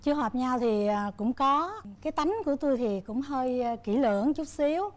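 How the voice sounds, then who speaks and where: High-voiced talkative mother-in-law. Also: normal speed. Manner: chatty, rambling with fillers. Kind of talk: casual talk show chat.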